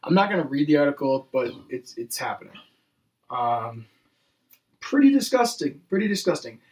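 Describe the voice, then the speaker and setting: A man's voice: on the high side, sing-song, darkish tone, recorded from a distance. Sarcastic joking man, light voice. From Massachusetts. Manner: joking, sarcastic, quick asides. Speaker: podcast co-host. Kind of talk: casual profane chat.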